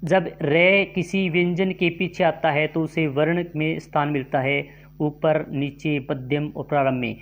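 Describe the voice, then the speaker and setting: In this exam-prep grammar session, a male teacher with a somewhat high voice reads out multiple-choice questions with their options. He then works through every answer at a deliberate, unhurried pace, keeping his intonation fairly even.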